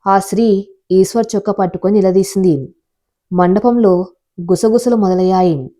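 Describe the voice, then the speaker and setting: A woman reading a scripted story in a steady, measured way. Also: medium pitch. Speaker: narrator.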